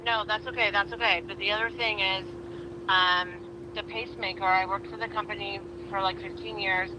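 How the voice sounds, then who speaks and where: A woman's voice: mid-range voice, fairly even intonation, moderate pace. A woman calling in on speakerphone to a live stream, talking casually with hesitant restarts and fillers. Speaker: caller. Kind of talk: casual call-in chat. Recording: noisy speakerphone call.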